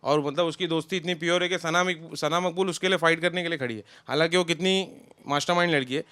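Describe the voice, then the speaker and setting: A young man, a guest in a casual interview, talks loosely about a friend in relaxed, run-on sentences. His voice is a little high and quick-paced, with no room sound.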